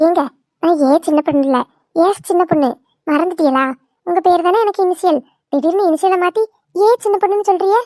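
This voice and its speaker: In a cartoon, a woman voices a playful, talkative young village daughter-in-law who comes across as cheeky and teasing. Her voice is very high-pitched, brisk and warm.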